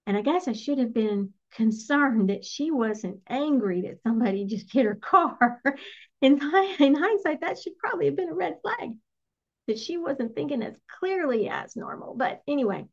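A middle-aged woman, a spiritual energy coach, telling a personal story in an earnest, reflective, softly emotional way. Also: sits high, lively intonation, normal speed. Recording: slightly muffled lo-fi recording.

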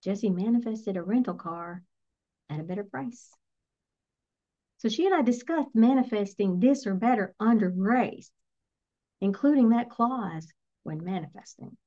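A middle-aged woman, a spiritual energy coach, telling a personal story in an earnest, reflective, softly emotional way. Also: mid-range voice, lively intonation, unhurried, pauses often. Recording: slightly muffled lo-fi recording.

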